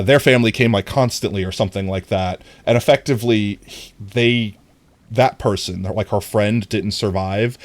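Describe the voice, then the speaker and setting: A man with a fairly low voice streams live, chatting casually with his viewers, and there is no room sound. He rambles earnestly with lots of restarts and laughs often between sentences.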